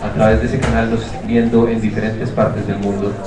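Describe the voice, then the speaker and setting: A man moderating a conference, making formal announcements with halting, deliberate phrasing. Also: lowish voice, level tone. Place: conference hall. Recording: echoey hall, distant mic, crowd.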